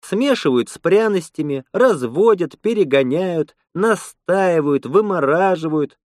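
Guy doing a lady space colonist, blunt n teasing, higher voice, lively. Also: measured pace, no echo, clean studio sound. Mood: chatty. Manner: teasing, outspoken. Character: blunt, frank young woman space colonist. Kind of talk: audiobook character voice.

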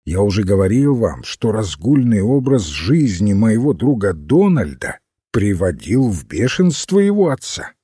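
A male audiobook narrator with a dark, mellow, husky voice telling the tale slowly and expressively. His pitch moves in lively swings, and the sound is dry and close. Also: dry recording. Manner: slow, expressive storytelling. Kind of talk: scripted narration.

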